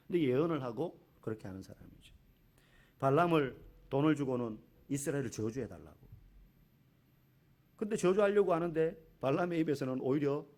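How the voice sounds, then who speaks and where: A man's voice: fairly high pitch, a little mellow. A man preaching a sermon as a pastor in a church, talking in a conversational way, asking the congregation questions and acting out quotes.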